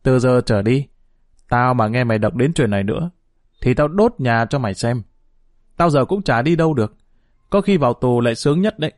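A menacing, bitter ex-convict, played by a male narrator, growling threats in a low, hard voice. His delivery is steady and close to the narrator's own pitch. The sound is dry and close. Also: brisk, no room sound, natural voice. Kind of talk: dramatized story reading.

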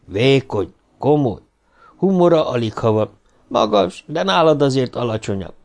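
A man's voice: mid-range voice, very animated, gravelly, pitched above the performer's own voice. A man voicing a loyal, aging male assistant who answers deferentially, in an audiobook reading. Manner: deferential, explaining.

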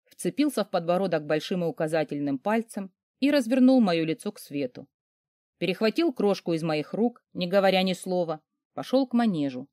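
A woman narrating an audiobook in the first person, her pitch swinging widely with feeling. The reading sounds close and dry, with no room around it. She lets the emotion of the story color her voice. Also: a little mellow, dry recording. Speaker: audiobook reader.

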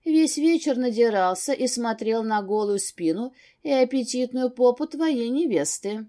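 A woman's voice: on the high side, animated, unhurried, dark tone, pitched above the performer's own voice. A woman voicing a haughty, scheming young mistress in an audiobook, with a sly, mocking manner.

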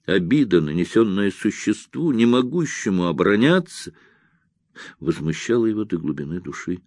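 A man reading an audiobook in a measured, expressive narrating style. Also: fairly low pitch, no room sound, studio quality. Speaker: audiobook reader. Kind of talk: scripted narration.

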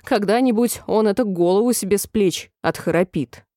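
A woman's voice: medium pitch, moderate pace, warm tone, no room sound, studio quality, lightly acted. A woman doing a hot-tempered twin boy. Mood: excitable.

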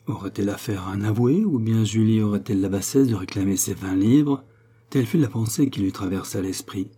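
Mellow, husky male audiobook narrator. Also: fairly low pitch, fairly quick. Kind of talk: scripted narration of a novel.

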